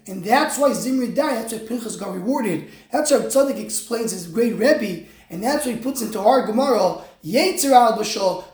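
A woman's voice: a little high, a little mellow. A woman with giving an explanatory religious lecture in an emphatic way, posing rhetorical questions. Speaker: religious teacher. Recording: roomy, echoing sound.

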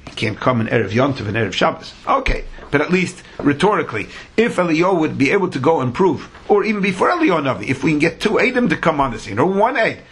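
A man's voice: on the high side, very animated, quick pace, few pauses, fairly bright tone, breathy edge. A man teaching a religious lesson in a sing-song, argumentative way, with rhetorical questions and emphatic repetition. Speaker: Talmud teacher.

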